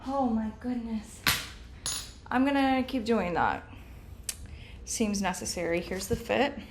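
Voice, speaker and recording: A woman's voice: fairly high pitch, takes it slowly, slight background noise. A young woman talking casually in a video journal, chatty and rambling, recorded on a laptop's built-in mic at home. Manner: chatty, rambling, self-aware. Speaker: vlogger.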